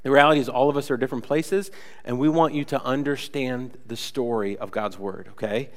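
A young pastor speaks fairly quickly in a mid-range voice, the sound filling a large hall in the church sanctuary. His sermon is conversational and casual, packed with chatty fillers, and a cold leaves him a bit nasal.

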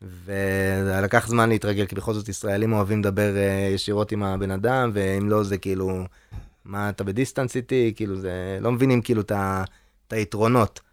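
A man with a low voice talks loosely as a guest on a podcast. He rambles with many fillers, recorded dry and close in a studio. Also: level tone, smooth, no room sound. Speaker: guest DJ and producer. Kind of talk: casual podcast conversation.

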